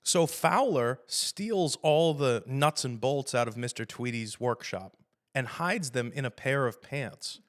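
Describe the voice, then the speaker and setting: A man hosting a podcast, chatting casually about a film in a rambling, profane, animated way and laughing often. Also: mid-range voice, measured pace. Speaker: podcast host.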